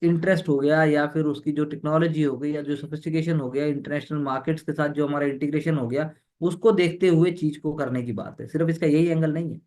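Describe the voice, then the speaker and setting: Higher-voiced male exam tutor. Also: a little mellow. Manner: code-switching, repeats words, leans on fillers. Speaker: exam prep teacher. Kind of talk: explaining news editorials to students.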